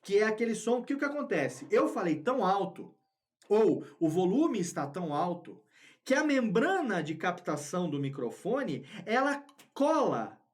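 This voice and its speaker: Brief: male podcast instructor, high voice, explanatory, repeats points, studio mic. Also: sing-song, normal speed. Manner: explanatory, repeats key words for emphasis. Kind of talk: recorded tutorial lesson. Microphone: studio microphone with headphones.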